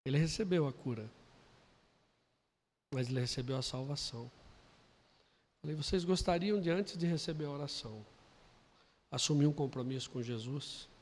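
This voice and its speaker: A Brazilian man preaching a sermon, telling a story quietly and then building to loud, emphatic preaching. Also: a little high, normal speed, pauses often, slight background noise. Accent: Brazilian Portuguese. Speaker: pastor. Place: church hall. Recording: long hall reverb.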